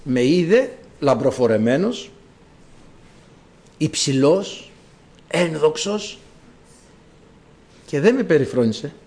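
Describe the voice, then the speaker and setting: A man preaching a sermon in a church, swinging between quiet explanation and loud cries of praise, and reading scripture aloud in a slow formal cadence. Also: fairly high pitch, big pitch swings.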